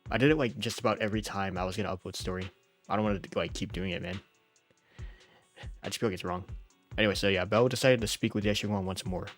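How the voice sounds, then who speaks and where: A fairly low-voiced game streamer who is sick reads story text aloud during a casual playthrough, speaking fast with fairly even intonation. He keeps things informal and joking, frequently chuckling over faint background music.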